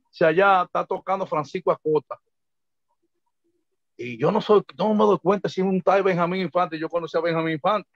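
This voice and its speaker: High-voiced Dominican man telling stories. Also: fairly quick, no echo. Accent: Dominican Spanish. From Dominican Republic. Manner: animated anecdotes, acting out quoted voices, chuckling. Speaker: interview guest, merengue and bachata singer. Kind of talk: casual storytelling interview. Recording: dull lo-fi dry sound.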